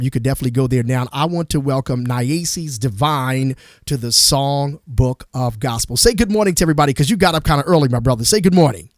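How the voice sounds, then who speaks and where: A man's voice: mid-range voice, no room sound. Enthusiastic male radio host, dry sound. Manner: enthusiastic, emphatic, repetitive. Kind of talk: gospel radio interview.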